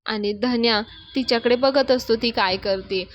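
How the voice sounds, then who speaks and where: A woman's voice: fairly high pitch, moderate pace, no echo. A woman casually retelling a TV serial episode as a reviewer, chatty and adding her own asides. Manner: chatty, adds asides to listeners. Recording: dry, slightly dull close mic.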